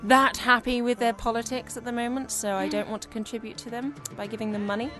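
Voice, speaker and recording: A woman's voice: fairly high pitch, flat delivery, fast, music in the background. A young woman from the UK chatting casually with a friend, laughing often and swearing now and then. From United Kingdom. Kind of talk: casual chat.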